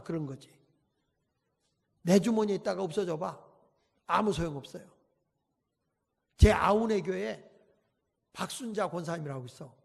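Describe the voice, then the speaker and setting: A man preaching at a revival service in a church, telling folksy, animated stories and acting out the people in them. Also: high-pitched, vocal fry, slightly rough. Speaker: pastor. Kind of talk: revival sermon with acted anecdotes. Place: church sanctuary. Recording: long hall reverb.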